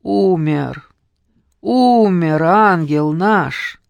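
Reader putting on a sweet old nanny, slow and cooing, crossing herself, dry close sound. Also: mid-range voice, animated, creaky, a little mellow, no echo. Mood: grieving. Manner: slow, soothing, folksy endearments. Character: tender old peasant nanny, pious and fussing. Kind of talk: audiobook character reading.

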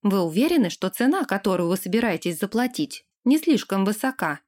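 A woman reading an audiobook, voicing a calm, dry-humored older caretaker. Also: mid-range voice, brisk. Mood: pointed. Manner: unflappable, dry.

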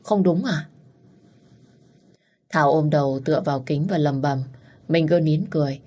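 A woman narrating an audio story in a steady, matter-of-fact way. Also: low voice, brisk.

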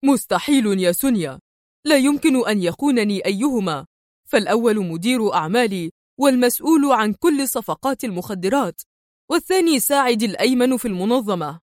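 A woman voicing a proud, quick-tempered male drug-ring boss who speaks with sharp indignation. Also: fairly high pitch, lively intonation, dry recording, clean studio sound, natural voice. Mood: indignant.

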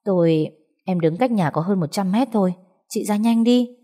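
A woman voicing a scheming young woman who urges and bosses others in a hurried, coaxing way. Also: lowish voice, warm tone, slightly rough. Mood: urging. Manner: urgent, coaxing, bossy.

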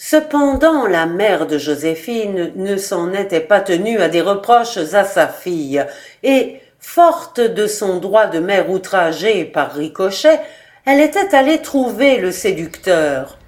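A woman reads a literary short story aloud as narrator. She speaks slowly and deliberately, with measured, expressive storytelling. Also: mid-range voice.

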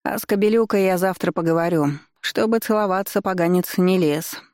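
A woman's voice: on the low side, fairly quick, a little mellow, dry recording, studio quality, close to an everyday voice. A woman putting on a blunt grumbling grandma. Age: older. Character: bossy gossiping old grandmother, sharp-tongued.

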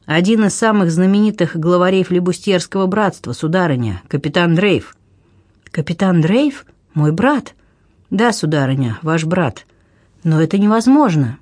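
A man's voice: high voice, animated, moderate pace, darkish tone, dry recording, studio quality. A man reading an audiobook, voicing a bitter sea captain who pleads his case earnestly and insistently. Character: bitter middle-aged male sea captain.

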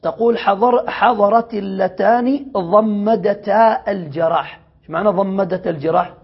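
High gravelly sheikh teaching grammar, reads then explains, quizzes students, muffled lo-fi recording. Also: male voice, normal speed. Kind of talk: classical grammar lesson. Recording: dull lo-fi lecture recording.

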